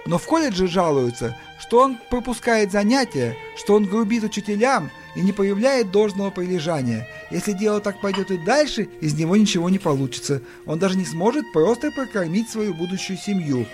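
A stern, preachy older aunt scolds in a lifted, fussy tone, as a man puts her on. She lectures without pause, disapproving of everything. Soft music runs underneath the audiobook reading. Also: high-pitched, expressive, voice pushed up. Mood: lecturing.

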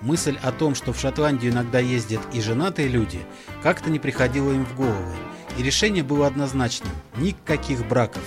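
A man narrates a story in a measured, even storytelling voice. Music sits clearly under his narration. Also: medium pitch. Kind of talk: audiobook narration.

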